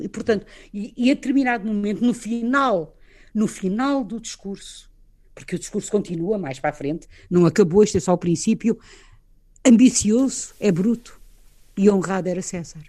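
A woman's voice: medium pitch, dark tone. A woman with a European Portuguese accent, a guest in a conversational literary discussion, explaining with animation and frequent tag questions.

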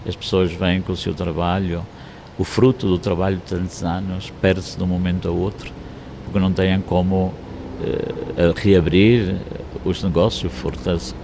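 Grave deep-voiced priest, gravelly tone. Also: male voice, flat delivery, noisy background. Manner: sorrowful, grave, measured. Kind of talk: interview answers.

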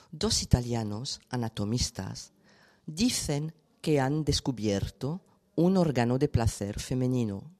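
A woman speaking as a sexologist guest in an interview, explaining in an unhurried, storytelling and amused manner. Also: low voice, darkish tone.

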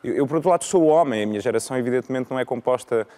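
A man in his thirties with a European Portuguese accent, speaking as a guest in a live panel debate, measured and often restarting his sentences. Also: medium pitch, mellow. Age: 30s. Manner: measured, with frequent repetitions and restarts. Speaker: law lecturer and debate guest.

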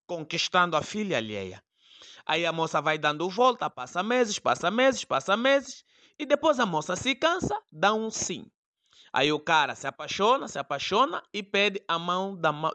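A man's voice: fairly high pitch, pushed and bright. A man with an Angolan Portuguese accent hosting a comedy segment, telling a playful monologue with repetition for effect. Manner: playful preacher-like storytelling with repetitions. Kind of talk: comic monologue.

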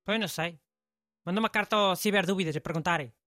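A man's voice: high voice, quick pace, sharp tone, no echo, studio quality. A man with a European Portuguese accent, playing a blunt know-it-all male host in comic scripted banter, offhand and teasing. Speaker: show host.

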